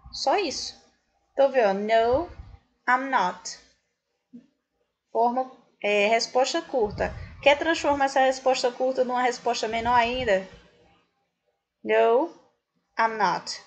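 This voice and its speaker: Brazilian woman, English teacher; husky, fairly high voice, unhurried and patient with her class. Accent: Brazilian Portuguese. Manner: patient, explanatory, addresses students directly. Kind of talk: recorded class lesson explaining grammar.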